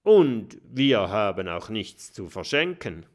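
A man's voice: fairly low pitch, very animated, slow. A man doing a stubborn village chieftess. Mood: defiant.

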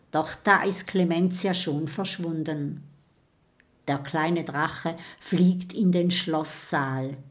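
A woman narrating a children's story with a measured, dramatic read-aloud delivery. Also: on the low side.

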